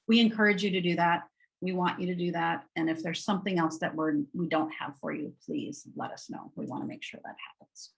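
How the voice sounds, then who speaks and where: Her voice fairly low and creaky, a woman with a nasal Wisconsin twang leads a cheerful, informal webinar tour of educational resources in a chatty way. The audio quality is poor.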